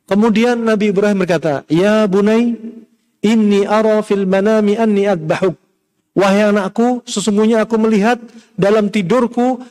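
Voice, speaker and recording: A middle-aged man gives a relaxed, chatty sermon. His voice sits noticeably high, and he keeps asking his listeners questions and acting out the lines he quotes. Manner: conversational preaching, rhetorical questions, acts out quoted speech. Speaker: Islamic preacher.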